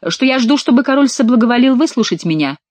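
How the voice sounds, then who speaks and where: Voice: medium pitch, lively intonation, fast, a little mellow, no room sound, pitched above the performer's own voice, lightly acted. A narrator voicing an earnest, deferential young male courtier in an audiobook. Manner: formal, deferential. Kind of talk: audiobook character reading.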